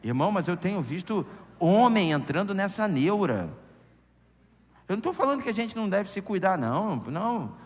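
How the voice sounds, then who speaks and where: Brazilian pastor guy preaching, high voice jumping all over, church hall echo. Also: normal speed. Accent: Brazilian Portuguese. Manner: lively, conversational preaching with humorous anecdotes. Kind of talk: sermon. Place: church sanctuary. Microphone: handheld or stand microphone. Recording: long church hall reverb.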